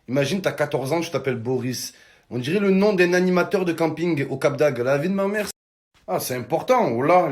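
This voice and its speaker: Guy ranting jokes to his followers, slangy and teasing, kinda high voice. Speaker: social media comedian. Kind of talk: casual comic rant to followers.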